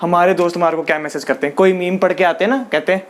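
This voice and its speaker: A man's voice: high-pitched, fairly even intonation, racing. A young man doing casual stand-up storytelling as a comedian, chatty and laughing through his own lines. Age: young adult.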